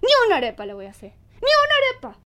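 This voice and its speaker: A woman's voice: high-pitched, a little fast, voice pushed up, close to an everyday voice. A woman voicing an exasperated farm woman who scolds sharply in a told folk tale. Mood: furious.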